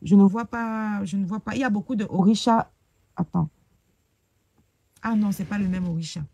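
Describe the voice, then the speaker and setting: Woman, live-stream host, casual chat, hesitant with fillers, gravelly voice, dry close sound. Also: mid-range voice, dark tone, no room sound. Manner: hesitant, fills pauses with "euh" while searching her phone.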